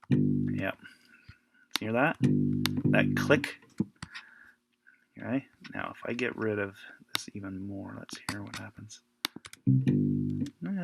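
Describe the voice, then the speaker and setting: A man teaching an informal audio editing lesson, thinking aloud in a relaxed way. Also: low-pitched, gravelly. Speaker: music teacher. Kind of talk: casual screen-recorded audio editing tutorial.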